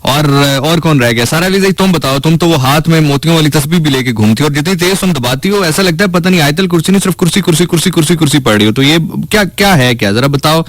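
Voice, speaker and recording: A man's voice: on the high side, expressive, fast talker, hardly any pauses, dry recording, clean studio sound. A man hosting a live stream, chatting casually as he reads out viewer comments, playful and teasing, often stammering and restarting. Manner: playful, teasing, mock-indignant.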